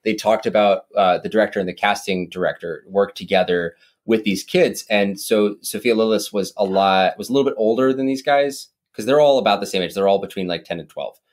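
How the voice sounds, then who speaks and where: A podcast co-host with a very deep voice holds forth on a horror film in a relaxed movie discussion, talking briskly with few pauses. Animated and rambling, he doubles back on himself, fills sentences with "like" and "um," and mimics voices with big pitch jumps.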